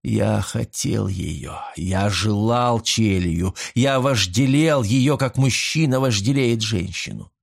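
A man reading a first-person novel aloud with a hushed, intimate, drawn-out delivery. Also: on the low side, creaky. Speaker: audiobook narrator.

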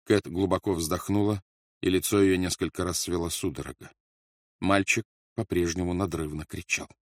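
Grave male narrator, low register, dry close recording. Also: steady tone, moderate pace, no echo. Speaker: audiobook narrator. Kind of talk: dramatic audiobook narration.

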